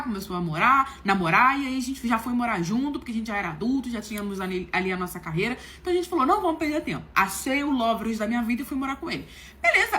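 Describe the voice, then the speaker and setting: High-voiced woman telling a story, pitch jumps all over, faint noise behind. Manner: animated, swooping storytelling. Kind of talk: casual spoken anecdote.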